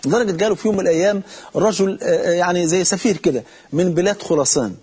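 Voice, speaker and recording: A man preaching a sermon with an Egyptian Arabic accent, telling stories and speaking straight to his listeners, drawing out quoted lines slowly. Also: sits high, a little mellow, husky. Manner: storytelling with slow, drawn-out quotes; addresses listeners directly.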